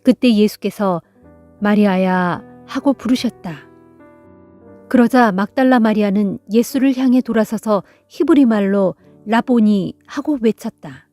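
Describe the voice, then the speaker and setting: A woman calmly reading Bible passages aloud in an even, unhurried narration. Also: a little high. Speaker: Bible reader. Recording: soft music underneath.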